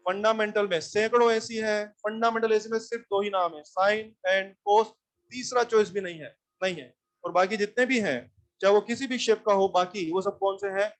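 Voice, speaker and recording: Man, high voice, teacher, blunt and scolding, quizzing the class. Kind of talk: classroom lecture on electronics.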